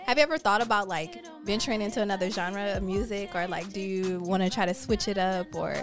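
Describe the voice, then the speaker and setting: A woman hosting a podcast interview, relaxed and easygoing, asking friendly questions. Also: mid-range voice, quick pace, music in the background. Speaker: podcast host. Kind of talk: casual interview chat.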